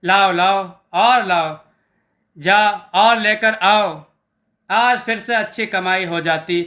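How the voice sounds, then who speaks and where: A man voicing a greedy, fat male customer who loudly demands more food. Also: high-pitched, slow, full character voice.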